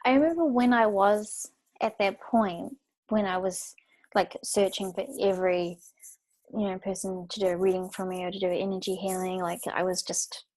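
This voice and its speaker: A woman guest on a spiritual podcast, telling her story in a relaxed, chatty way with many fillers. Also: mid-range voice, moderate pace. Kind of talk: casual storytelling interview.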